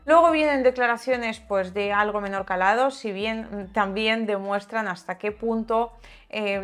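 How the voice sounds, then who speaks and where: A woman with a medium-pitched, fairly bright voice hosts a video channel, offering opinionated and sarcastic political commentary to her viewers. She speaks conversationally and occasionally reads passages aloud.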